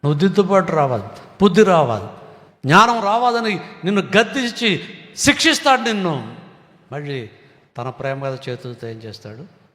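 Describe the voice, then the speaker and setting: A man preaching a sermon, swinging from loud rises to soft drops. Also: a little high, sing-song, moderate pace, pauses often. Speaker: pastor. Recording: long hall reverb.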